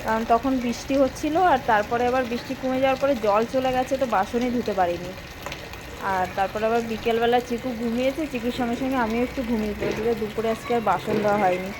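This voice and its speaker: A woman's voice: fast talker, background noise. A woman narrating her household chores in a casual home vlog, chatting to viewers. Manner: chatty, talks to her toddler in a high sing-song baby voice. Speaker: vlogger.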